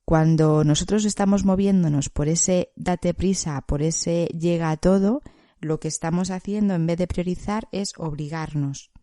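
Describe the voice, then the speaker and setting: Woman psychologist, gravelly mellow voice, dry close sound, calm teaching podcast delivery. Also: lowish voice, dry recording. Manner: calm, explanatory, with frequent checking questions. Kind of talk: educational podcast talk.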